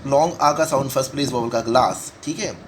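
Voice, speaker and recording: A man teaching shorthand in a step-by-step lesson, repeating each word slowly as he writes it out. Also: mid-range voice, slight background noise, low-quality recording. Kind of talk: step-by-step lesson talk in Hindi-English mix.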